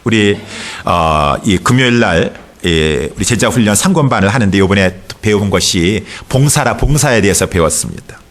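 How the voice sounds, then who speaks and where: A man preaching a sermon as pastor, telling a story and rising in pitch to stress his points. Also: expressive, moderate pace, hardly any pauses, a bit bright.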